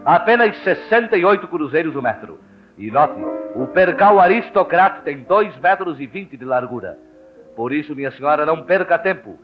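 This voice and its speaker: A slightly high-voiced man with a Brazilian Portuguese accent reads a radio commercial, formal and persuasive. The recording is dull and lo-fi, with faint music behind him. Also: expressive, moderate pace. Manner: persuasive, formal sales pitch. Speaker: radio announcer. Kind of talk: read radio advertisement.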